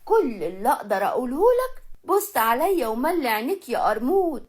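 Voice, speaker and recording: A woman voicing a brash, teasing young peasant bride with an Egyptian accent and a loud, singsong manner. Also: sits high, very animated, a little fast. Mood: playful.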